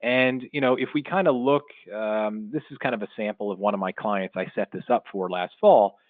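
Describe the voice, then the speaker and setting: A middle-aged podcast host and marketing consultant with a fairly low voice delivers an informal advice monologue at normal speed, explaining things conversationally and leaning on his key points. The recording is dry and muffled, with a narrow, phone-like sound and no room tone.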